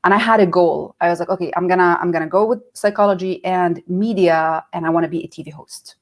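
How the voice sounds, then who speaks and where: Speaking quickly in a lowish voice, a middle-aged woman from Nazareth recounts her career as a guest in a relaxed interview. She tells it with animation, performing the voices of people she quotes.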